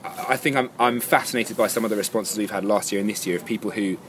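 Male interviewee, rapid talker, lowish voice, thoughtful and conversational, light ambient noise. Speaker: interviewee, event organiser.

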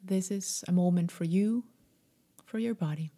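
A woman guiding a meditation in a soft, breathy, half-whispered voice, gentle, soothing and unhurried. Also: on the low side. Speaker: meditation guide. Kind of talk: slow guided meditation.

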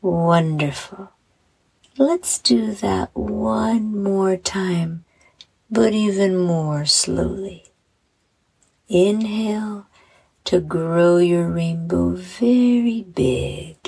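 Woman, sleep story narrator, bedtime guided meditation, very slow, husky and breathy, soothing, hushed, gentle. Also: mid-range voice. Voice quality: breathy, soft. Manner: soothing, hushed, gentle delivery with breathy trailing phrase ends.

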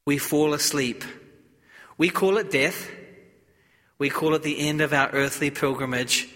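Guy priest doing a solemn church reading or homily, slow n measured, big cathedral echo on the voice. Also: fairly high pitch, pushed and bright. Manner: measured, deliberate, speaking in short phrases with pauses. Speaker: priest preaching at a funeral. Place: large reverberant church. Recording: long cathedral-like echo of a large hall.

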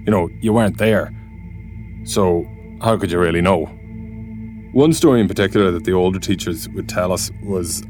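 A man's voice: low voice, darkish tone. An Irish man narrating a personal story in a colloquial, conversational way. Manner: colloquial, peppered with "like, you know". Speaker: guest narrator.

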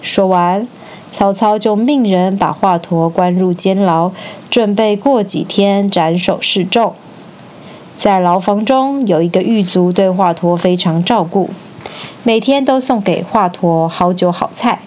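A woman reading a classic tale aloud for children, clear and gently expressive. Her voice sits in a middle range. The recording is slightly dull, with a faint hiss behind. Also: medium pitch, measured pace. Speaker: storyteller. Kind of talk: children's story narration.

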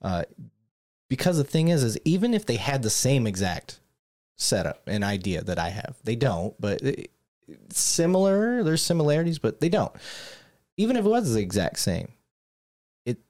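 A man's voice: medium pitch, big pitch swings, normal speed, a little mellow. A man hosting a podcast, chatting casually with plenty of restarts and laughs. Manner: rambling, self-interrupting, laughs easily. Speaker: podcast host. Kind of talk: casual chat.

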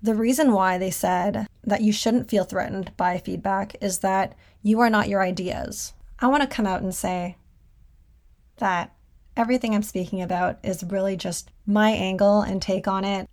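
A woman's voice: medium pitch, steady tone, moderate pace, a little mellow. Chatty woman podcasting from a closet. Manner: self-deprecating, conversational. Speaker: podcast host and designer. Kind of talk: casual, chatty solo podcast talk. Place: small clothes closet at home.

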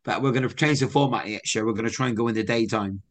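A man's voice: medium pitch, quick pace. A young man from England, co-hosting a podcast and telling stories in a chatty, upbeat way. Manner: chatty storyteller, lively and upbeat. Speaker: podcast co-host. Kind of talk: casual chat.

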